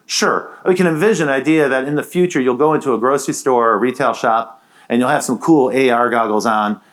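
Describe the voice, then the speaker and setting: A man giving a conversational, enthusiastic conference keynote on stage. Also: mid-range voice. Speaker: keynote speaker.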